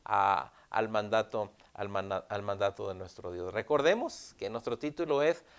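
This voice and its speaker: A male pastor preaching a sermon in an earnest tone, repeating key phrases and pausing with "ah". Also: on the low side.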